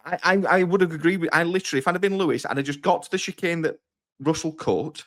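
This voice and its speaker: Fairly high-voiced man with wry sports talk. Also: fast, fairly bright tone. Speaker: podcast co-host. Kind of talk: casual sports chat.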